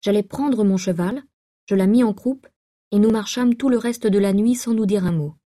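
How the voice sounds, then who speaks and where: Dark-toned woman reading a novel. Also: medium pitch, moderate pace. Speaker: audiobook reader. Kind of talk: literary audiobook narration.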